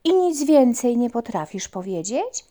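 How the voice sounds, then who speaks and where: A woman voicing a small, naive and eager puppy in a children's story, in a high, loud, excited voice. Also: a little slow.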